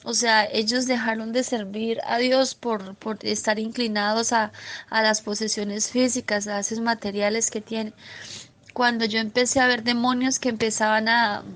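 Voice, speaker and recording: A woman earnestly recounting a religious vision in a spoken testimony, halting often and restarting her sentences. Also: on the high side, flat delivery, a bit bright. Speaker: believer sharing a vision testimony.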